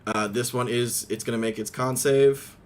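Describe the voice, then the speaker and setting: A man running a tabletop game as game master, excitable, laughing often and swearing freely. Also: mid-range voice, normal speed.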